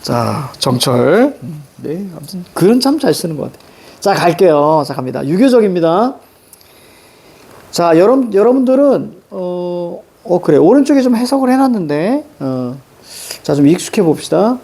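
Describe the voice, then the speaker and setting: Brief: woman teacher, classroom lecture, gravelly voice, casual and jokey, slow verse reading. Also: on the low side, sing-song, dark tone. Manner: chatty, jokey, reads verse slowly. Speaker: Korean literature teacher.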